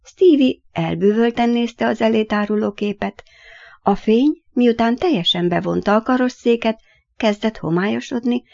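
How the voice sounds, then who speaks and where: A woman, the author, narrating her own children's story in an expressive, measured way. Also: mid-range voice, creaky, muffled recording.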